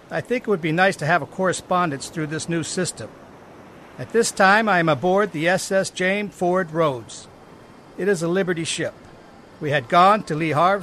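A man's voice: on the high side, a bit bright, slight background noise. A man reading a letter aloud.

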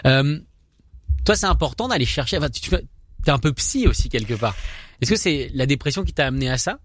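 A man's voice: medium pitch, animated, a little fast, no room sound. A man from France with a French accent hosts a casual radio interview in a teasing, self-mocking and rambling way. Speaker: radio host.

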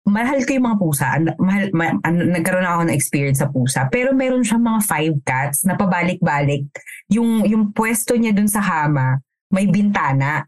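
A woman's voice: lowish voice, expressive, normal speed. A woman around thirty telling a frank, profane story with many fillers in a casual podcast chat. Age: 30s. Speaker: podcast co-host.

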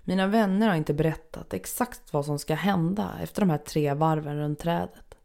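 A woman reading a first-person story aloud in a measured, unhurried, somber manner. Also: low voice, creaky, a little mellow. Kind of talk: first-person scripted narration.

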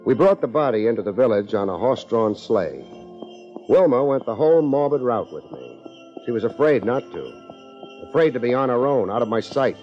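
A man's voice: mid-range voice, animated, normal speed. A man narrating and acting as a hard-boiled detective in an old radio mystery, in a terse, clipped manner. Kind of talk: 1950s radio drama narration. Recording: dull old radio broadcast with music.

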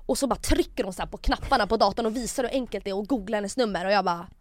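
A woman's voice: medium pitch, no room sound. A young adult woman hosting a podcast, telling a story casually and animatedly, slipping into quoted voices. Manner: animated, acts out quotes, many fillers like "jag bara". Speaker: podcast host.

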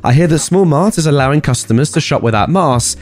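A professional store manager, measured and formal, laying down rules without raising his voice, as a male narrator voices him. He sounds composed and unbending in a storybook reading. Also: on the high side, expressive, close to an everyday voice. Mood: firm.

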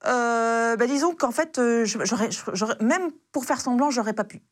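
Lively woman telling a tense story. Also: a little high, moderate pace. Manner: lively, slangy retelling with many fillers. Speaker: guest, former intelligence officer. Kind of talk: casual spoken storytelling.

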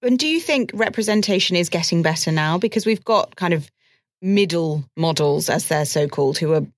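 A woman hosting a podcast interview, relaxed and asking prompting questions. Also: lowish voice, moderate pace, no echo, studio quality. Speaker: podcast host. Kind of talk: casual interview.

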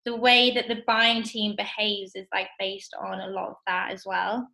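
She speaks at medium pitch with a completely flat, creaky delivery. A young woman in her twenties, she's a guest in a casual interview describing her work as an assistant buyer, bright and quick, full of "kind of" and "like".

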